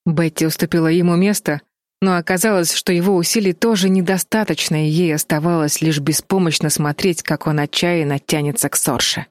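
A woman narrating an audiobook with steady, dramatic storytelling. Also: on the low side, brisk, no echo. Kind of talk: scripted narration.

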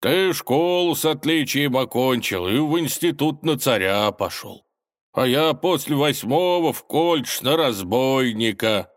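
A man voicing a boastful, toothless old male forest robber in a storybook, squeaky and quick to take offense. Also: lively intonation, close to an everyday voice. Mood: chummy. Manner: squeaky, petulant, easily offended. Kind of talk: storybook character voice.

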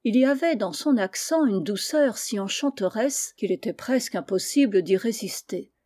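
A woman reading a storybook aloud as an audiobook narrator, measured and expressive. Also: mid-range voice. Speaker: audiobook reader.

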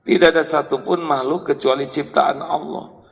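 A man preaching a humorous sermon to an audience, animated and joking. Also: moderate pace, gravelly, long reverb tail, rough recording. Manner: animated, joking, jumps into high voices for quotes.

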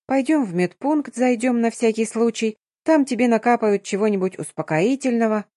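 A woman's voice: mid-range voice, moderate pace, dark tone, no echo, lightly acted. Woman doing a chatty young woman friend, grumbly and cooing, audiobook, dry sound. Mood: fussing.

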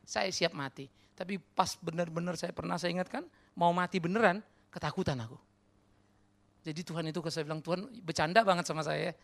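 In church, a pastor preaches an animated, conversational sermon in a high, gravelly voice at a fairly quick pace. He puts questions straight to the congregation and mixes casual slang and English words into his speech.

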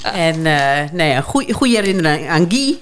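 A woman leads a relaxed radio conversation from the studio, asking questions and nudging the story along with brief remarks. Her voice is somewhat low for a woman. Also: normal speed, noisy background. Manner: prompting questions, brief affirmations. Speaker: radio host. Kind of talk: casual radio interview.

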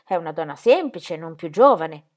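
A woman reading a detached middle-aged pastor in a storybook reading, low and curt. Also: animated, moderate pace, natural voice. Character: distracted, cold middle-aged male pastor.

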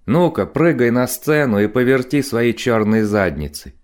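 A man's voice: medium pitch, expressive, normal speed, a little mellow, close to an everyday voice. A man voicing a menacing, sneering male biker thug in an audiobook. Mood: mocking. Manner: sneering, threatening.

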